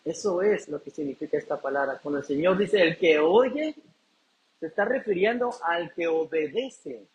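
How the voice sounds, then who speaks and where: A man's voice: a little high, animated, moderate pace, a little hiss or hum, rough recording. A man preaching a sermon as pastor, asking the congregation questions and answering them himself.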